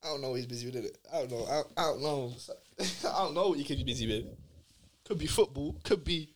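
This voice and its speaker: A man's voice: medium pitch, fast talker, crowd noise. A young man with a London accent chatting and telling stories in roadman slang, repeating phrases for emphasis. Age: young adult. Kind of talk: casual chat, anecdotes.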